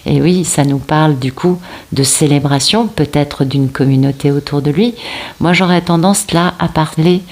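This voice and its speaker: Low-voiced French woman reading tarot. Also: moderate pace, a little mellow. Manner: searching for words, many fillers and restarts; addresses viewers directly, seeking agreement. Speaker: tarot card reader. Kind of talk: casual spoken tarot reading.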